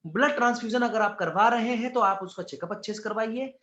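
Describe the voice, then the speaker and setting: A man with a high, pushed, bright voice talks a little fast while teaching an exam-prep class. He keeps it casual and chatty, calling students "beta" and throwing in jokes and asides. The room echoes and the sound is slightly dull.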